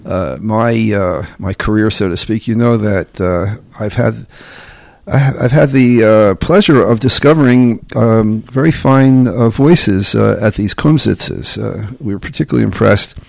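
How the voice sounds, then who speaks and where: A male host introducing and questioning his guest, stumbling along with a steady stream of fillers. His voice is low and gravelly. The recording is dry and close. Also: dry recording. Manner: halting, with constant "uh" fillers. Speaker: interview host. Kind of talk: casual interview.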